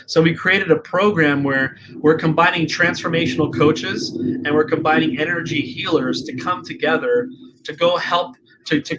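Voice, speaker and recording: A man's voice: a little high, a bit bright, slight background noise. A man being interviewed as a guest, speaking passionately and emphatically, with a preachy edge. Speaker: guest, energy healing practitioner. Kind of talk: casual interview.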